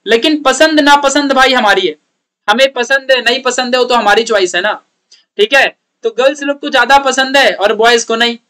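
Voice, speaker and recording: Young indian guy tutoring online, high bright voice, jokey and teasing, laughs a lot. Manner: chatty, teasing, laughs often. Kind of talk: casual teaching rant.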